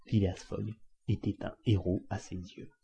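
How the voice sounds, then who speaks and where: A man's voice: fairly low pitch, little pitch movement, normal speed, creaky, mellow. A man reading a classic novel aloud with dramatic, varied emphasis. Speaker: audiobook reader. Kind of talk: expressive scripted narration of a classic novel. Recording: dull lo-fi recording.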